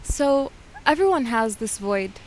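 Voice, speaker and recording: A woman's voice: fairly high pitch, expressive, a little slow, a little hiss or hum. A woman guest in a casual interview, earnestly giving advice with repeated phrases.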